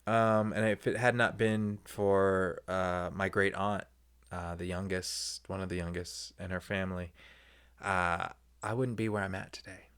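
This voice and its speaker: Low-voiced man hosting a candid podcast. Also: a little slow, clear, resonant tone. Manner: animated, swings into high excited tones when telling anecdotes; candid, conversational, with many fillers and asides. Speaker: podcast host. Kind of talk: personal podcast monologue.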